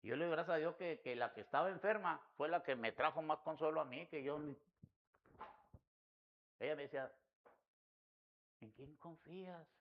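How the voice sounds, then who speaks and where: Man, preacher, earnest sermon voice, slightly high, muffled lo-fi sound. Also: quick pace, few pauses. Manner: earnest, addresses listeners as "mi hermano".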